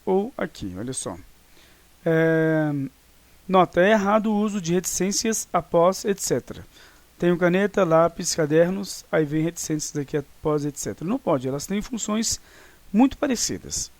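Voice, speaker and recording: A man teaching a class, with a fairly high voice for a man. He explains patiently and keeps checking that his students follow. The sound is close and dry. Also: animated, dry recording. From Brazil. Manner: explains slowly with frequent check-in tags. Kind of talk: recorded online class.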